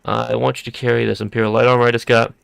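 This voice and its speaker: Gravelly man thinking aloud while gaming. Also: medium pitch, flat delivery, racing, dry recording. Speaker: gameplay streamer. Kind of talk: casual gameplay commentary.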